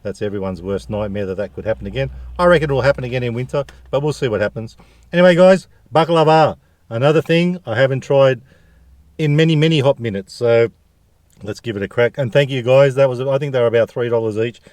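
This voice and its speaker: A man's voice: mid-range voice, fast, a little mellow, no room sound. A man with an Australian accent chatting casually to viewers as a food review vlogger, jokey and full of slang.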